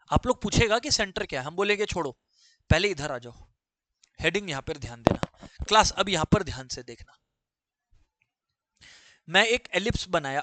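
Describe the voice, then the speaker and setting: A man's voice: high voice, sharp tone, dry recording. A man teaching a maths lesson to students, repeating key phrases and firing questions at the class.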